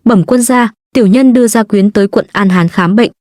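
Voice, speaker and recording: A woman's voice: mid-range voice, brisk, mellow, no echo, clean studio sound, close to an everyday voice. A woman voicing a loyal young male guard who speaks deferentially in a read-aloud story. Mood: respectful.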